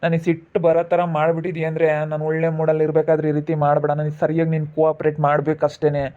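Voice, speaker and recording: Man as a pushy lecherous in-law, amateur drama, flat fairly high delivery, tinny phone-like sound. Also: rapid-fire, close to an everyday voice. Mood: threatening. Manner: pressing, coaxing and threatening.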